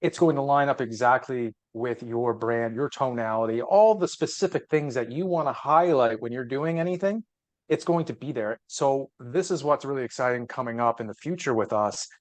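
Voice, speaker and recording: Steady mid-pitched male webinar host. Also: normal speed. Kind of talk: casual explanatory webinar talk.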